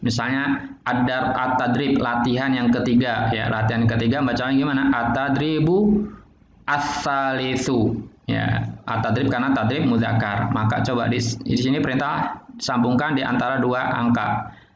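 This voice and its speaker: A man teaching an online Arabic textbook lesson, explaining each term in with pauses and restarted words. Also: mid-range voice, steady tone. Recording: roomy, dull lo-fi recording with faint noise.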